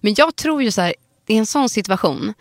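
A woman's voice: mid-range voice, animated, dry recording. Chatty swedish woman cohosting, voice jumps all over, dry close mic, jokes a lot. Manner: chatty, quick to joke and chime in. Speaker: podcast co-host. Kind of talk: casual chat.

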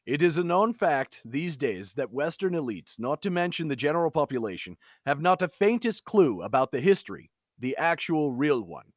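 A man's voice: on the high side, sing-song, normal speed, few pauses, no room sound, studio quality. A man putting on a Slavic accent to voice an indignant Eastern European man reading his letter aloud, in a scornful, declamatory way. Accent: put-on Slavic.

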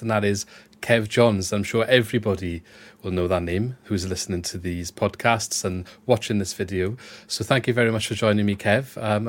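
A man with a Swansea Welsh accent, hosting a podcast in a conversational way. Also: fairly low pitch. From Swansea, Wales. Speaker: podcast host.

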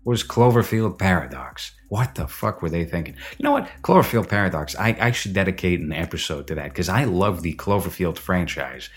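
A man's voice: sits low, very animated, fairly quick, hardly any pauses. A man hosting a podcast, rambling and opinionated in casual film review chat, recorded with reverb in an empty basement. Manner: rambling, opinionated, self-correcting. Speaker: podcast host.

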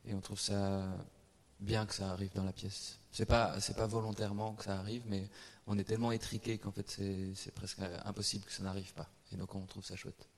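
Low, creaky, flat-toned man. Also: brisk. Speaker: performance creator. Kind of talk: explanatory panel talk.

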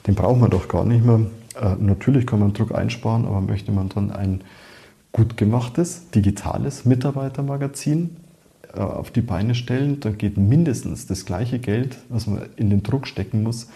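A man's voice: lowish voice, normal speed, vocal fry, dark tone. A man, an expert jury lead, giving his view in a podcast panel discussion, thoughtful and often repeating words while he searches for them.

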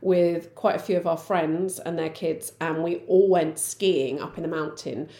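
A woman in her forties co-hosting a podcast, telling stories in an animated, laughing way. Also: deep voice, unhurried. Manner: animated storyteller, laughs often. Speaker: podcast co-host. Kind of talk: casual chat. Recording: roomy echo.

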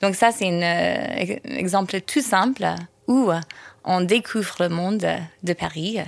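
A woman's voice: lowish voice, slow, creaky. A woman teacher answering interview questions, hesitant with many fillers.

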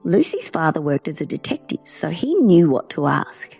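A woman narrating a children's story in an expressive, dramatic way. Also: deep voice, normal speed, creaky, slightly rough, soft background music.

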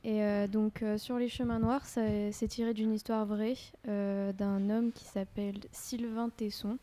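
Female podcast co-host, mellow voice, hesitant delivery with many fillers. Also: mid-range voice, little pitch movement, a little slow. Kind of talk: casual chat.

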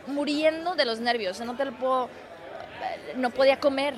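Animated woman telling her story. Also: sits high, normal speed, a crowd in the background. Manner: animated storytelling, many restarts and fillers. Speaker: musical theater actress, guest. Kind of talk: casual interview chat. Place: outdoors in a city.

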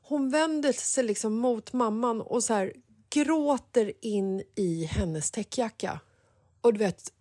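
A woman in her forties, a podcast host, telling a personal story in a casual, emotional, animated way. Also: fairly high pitch, no room sound, studio quality. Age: 40s.

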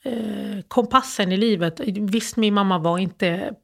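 A middle-aged Swedish woman, appearing as an interview guest, tells an emotional personal story in halting phrases with a creaky, medium-pitched voice. Fillers and restarts run through her speech, and she acts out old phone calls in her own voice.

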